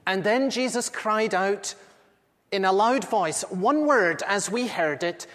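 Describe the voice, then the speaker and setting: A man's voice: high-pitched, expressive, slow, a bit bright, full character voice. A man performing a first-person dramatic monologue as an aged apostle recounting what he witnessed, earnest and intimate with dramatic swells. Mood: solemn. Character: aged male apostle recounting eyewitness memories. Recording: echoey hall with long reverb.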